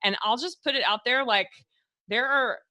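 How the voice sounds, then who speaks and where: A woman's voice: fairly high pitch, normal speed, sharp tone, no room sound. A woman with a Texas accent hosting a health podcast, chatty and loose, full of fillers and restarts. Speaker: podcast host, doctor. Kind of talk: casual podcast chat.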